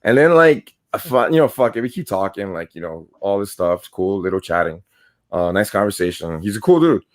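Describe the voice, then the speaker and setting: A man's voice: on the low side, fairly quick. A man telling rambling, profanity-laced stories in a casual podcast chat. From New York. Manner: profane, rambling, animated storyteller. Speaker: podcast co-host.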